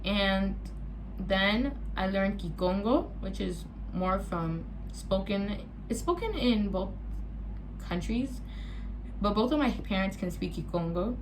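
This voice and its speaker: A woman's voice: medium pitch, takes it slowly. Chatty young woman vlogger, faint hiss. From born in Gabon to Congolese parents, raised partly in the US. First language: French. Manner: chatty, animated, rambling asides. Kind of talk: casual get-ready-with-me Q&A.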